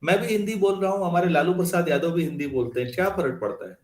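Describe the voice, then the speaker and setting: A male teacher lectures his class in an easy, conversational way and keeps asking whether the students follow. His voice sits a little high. The classroom gives it a noticeable echo. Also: fast talker, a little mellow. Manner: conversational, asks students questions. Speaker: math teacher.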